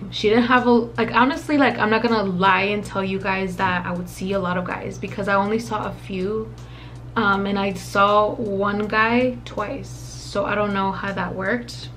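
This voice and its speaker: A young woman in her twenties telling a story to her camera in a casual, rambling way. She is profane, leans on lots of fillers, drops in Spanish phrases, and her voice is a little raspy from a dry mouth. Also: medium pitch, fairly even intonation, moderate pace, fairly bright tone, a little hiss or hum. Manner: chatty, profane, rambling with many fillers and asides; mixes in occasional Spanish phrases. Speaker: vlogger.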